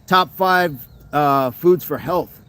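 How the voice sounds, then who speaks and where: A man hosts an outdoor fitness stream in a wooded spot, reading viewer comments from his phone and chatting with upbeat energy. His delivery is slow, his pitch fairly high, and his tone a bit bright, clear, and resonant.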